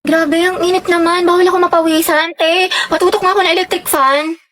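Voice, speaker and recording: Chatty high-voiced dramatic woman. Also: steady tone, fairly quick, fairly bright tone, no room sound. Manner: chatty, dramatic, teasing gossip. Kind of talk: comedy sketch skits.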